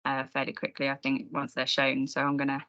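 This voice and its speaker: Over a dull, compressed video call, a woman speaking at an online meetup chats informally and self-deprecatingly in a Q&A about design software. Her voice rumbles low yet has a fairly bright tone, and her delivery is brisk and completely flat.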